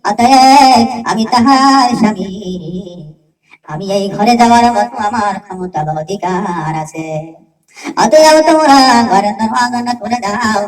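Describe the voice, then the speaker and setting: A man's voice: high-pitched, animated, measured pace, voice pushed down. A male preacher voicing an anxious old caliph, urgent and pleading, in an echoey hall with a distant mic.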